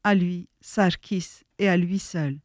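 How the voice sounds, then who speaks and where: A woman reading a story aloud as narrator in a measured, solemn way. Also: fairly low pitch, dry recording, clean studio sound.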